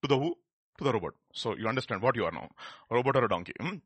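Male preacher, middle-aged, Indian accent. Husky and forceful, conversational sermon delivery with rhetorical questions, recorded close and dry. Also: mid-range voice, lively intonation, very fast, no room sound. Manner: conversational, questioning, repeats phrases for emphasis. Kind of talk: animated sermon.

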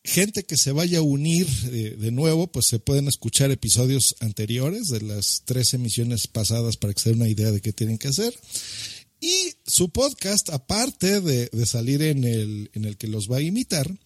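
A man's voice: mid-range voice, expressive, moderate pace, no room sound, studio quality. A man co-hosting a podcast, explaining the event rules in casual chat with lots of fillers.

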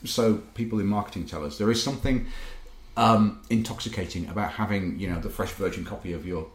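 A man in a casual discussion, talking in long rambling sentences and correcting himself as he goes. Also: on the low side. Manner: rambling, self-correcting, talks fast. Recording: echoey room.

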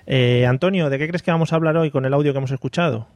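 A man's voice: medium pitch, fast talker, a little mellow. A man hosting a casual podcast chat, joking and laughing often. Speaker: podcast host.

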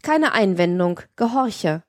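A woman's voice: mid-range voice, unhurried, a little mellow, no room sound, lightly acted. An imperious, cold mistress from an audiobook novel reading, voiced by a woman. She speaks in a stern, haughty way, with open contempt. The sound is dry and close. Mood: stern, commanding. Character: cold, imperious woman, commanding her lover.

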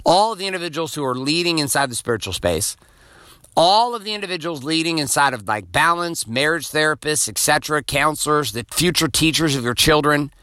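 A man's voice: fairly high pitch, expressive, a little fast, bright, forceful tone, no room sound, studio quality. A man in his forties hosting a podcast, giving a blunt, profane motivational monologue. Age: 40s. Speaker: podcast host.

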